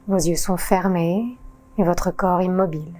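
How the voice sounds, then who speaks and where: A woman yoga teacher guiding a relaxation session in a calm, soothing voice-over with long pauses. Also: fairly low pitch, faint music behind. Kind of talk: guided relaxation narration.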